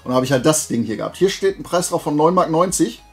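A slightly high-voiced man, expressive and a bit mellow, talks fast over soft background music. He hosts a show-and-tell flea market haul video in a casual, colloquial way, full of collector's enthusiasm and self-directed questions.

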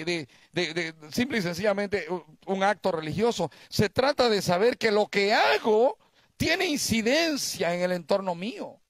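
A man's voice: high voice, dry recording. A male pastor preaching a sermon, asking the congregation questions and telling them stories.

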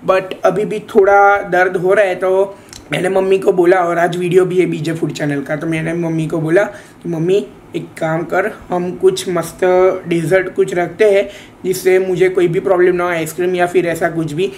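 A man's voice: high-pitched, little pitch movement, moderate pace, a little mellow, a little hiss or hum. Chatty young man vlogging at home. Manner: chatty, playful, addresses viewers as guys. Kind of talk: casual vlog chat.

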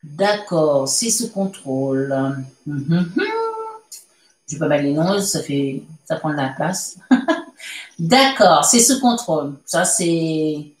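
A woman leads a live English lesson at an unhurried pace, stopping often to read her viewers' chat answers aloud and comment on them. Her voice is mid-pitched and carries a roomy echo. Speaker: English teacher. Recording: echoey room sound.

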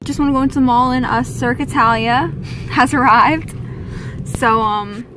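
A young woman from eastern Pennsylvania vlogging casually on a handheld phone while she walks through shops and sits in a car, bubbly, excitable and giggly. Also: on the high side, moderate pace, background noise. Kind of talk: casual vlog. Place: walking outdoors, in shops and a car. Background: music.

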